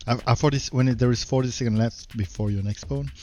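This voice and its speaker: A man with a French accent, a native French speaker, giving halting live game commentary with a tired voice. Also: mid-range voice, steady tone, a little mellow, highs cut off, a little hiss or hum. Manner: halting, repeats words while searching for English. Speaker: game streamer.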